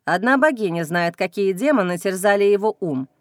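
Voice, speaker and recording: A woman's voice: medium pitch, brisk, no room sound, close to an everyday voice. Woman reading as a cool dismissive male werewolf, unbothered, dry close sound. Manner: calm, dismissive. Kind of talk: audiobook character reading.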